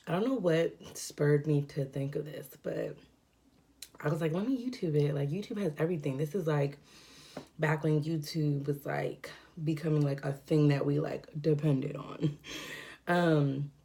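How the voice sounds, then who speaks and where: Low, gravelly woman chatting while eating. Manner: rambling, filler-heavy, relaxed. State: congested, breathing heavily from a cold. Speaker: mukbang vlogger. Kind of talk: casual chat while eating. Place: at home indoors.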